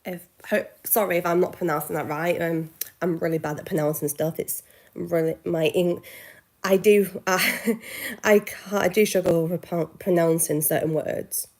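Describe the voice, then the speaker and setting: A woman in her twenties chatting casually on a live Q&A stream, halting and correcting herself now and then. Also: lowish voice, steady tone. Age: 20s. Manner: halting, self-correcting, with soft asides. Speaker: livestreamer.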